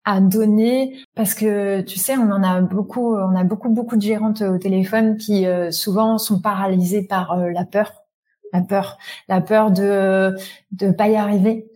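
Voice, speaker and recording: A woman's voice: medium pitch, fairly even intonation, unhurried, warm tone. Encouraging woman hosting an interview podcast. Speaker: podcast host.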